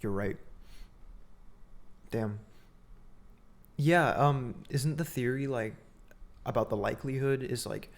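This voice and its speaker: A man's voice: medium pitch, gravelly. Easygoing young man in casual chat. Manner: easygoing, agreeable, quick to laugh. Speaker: podcast co-host.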